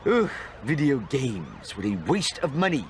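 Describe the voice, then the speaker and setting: A man's voice: mid-range voice, sing-song, measured pace, slight background noise. A man voicing a pompous, sarcastic middle-aged comic shop nerd in a cartoon game, over-enunciating florid phrases. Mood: pompous, disdainful.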